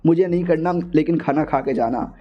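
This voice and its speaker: A man's voice: on the high side, a little fast, lo-fi sound, natural voice. A man playing a flirty reformed villain. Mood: pleading, casual. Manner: casual, pleading, joking.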